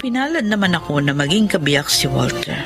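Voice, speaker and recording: A woman's voice: deep voice, very animated, a little fast, gravelly, full character voice. A woman playing a humble, devoted poor wife and mother in a Filipino radio drama, earnest and emotional. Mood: earnest, worried. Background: dramatic music.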